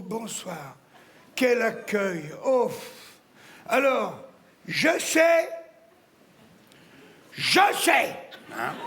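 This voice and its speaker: Man voicing a vulgar woman in her sixties, live stand-up character, very high voice, slow drawl, swearing, teasing the crowd. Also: creaky, fairly bright tone, full character voice. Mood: brash welcoming. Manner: crude, swearing, teasing the audience. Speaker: stand-up comedian. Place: theatre stage before a live audience.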